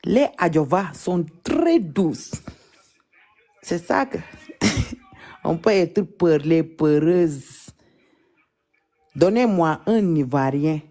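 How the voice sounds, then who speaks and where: Speaking with a warm, lowish, animated voice, this live stream host from Senegal has a Senegalese French accent. She runs a casual chat full of playful mockery and long, drawn-out repetition.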